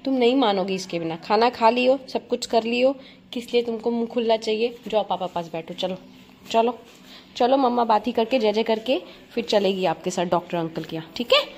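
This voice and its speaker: A woman's voice: fairly high pitch, moderate pace, a little mellow. A woman vlogging at home, scolding and coaxing her pet dog in a mix of stern and baby talk. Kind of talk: casual home vlog, talking to pets.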